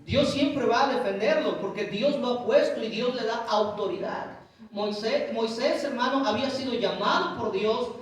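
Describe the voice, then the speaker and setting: High-voiced preacher in echoing church. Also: male voice, moderate pace, distant mic. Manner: emphatic preaching, often addressing listeners as brothers. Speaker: guest pastor. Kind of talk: sermon. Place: church hall.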